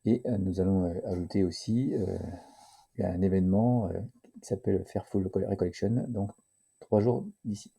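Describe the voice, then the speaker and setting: A man presenting a casual board game tutorial, hesitant and full of filler pauses, at times reading the game's text aloud. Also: deep voice, gravelly, warm tone, slightly rough.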